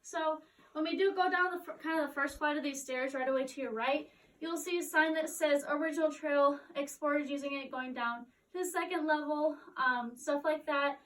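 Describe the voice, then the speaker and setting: A woman's voice: high voice, steady tone, moderate pace, a bit bright. A woman working as a cave tour guide, explaining formations to a group in a casual, informal way. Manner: casual, frequent "like" and "kind of". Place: inside a cave, speaking to group. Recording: distant mic, faint noise, inside cave.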